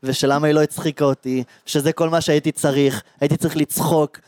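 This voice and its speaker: Animated man telling a story. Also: a little high, clean tone, no room sound, clean studio sound. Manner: animated, acts out quoted dialogue. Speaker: podcast host. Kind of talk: casual storytelling chat.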